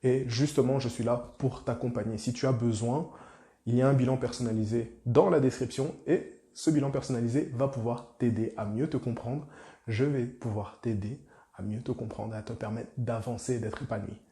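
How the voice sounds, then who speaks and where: A man's voice: medium pitch, steady tone, moderate pace, dark tone, reverberant. A man talking as a life coach, chatty and direct, speaking to the viewer familiarly and often repeating himself. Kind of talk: casual motivational talk to camera.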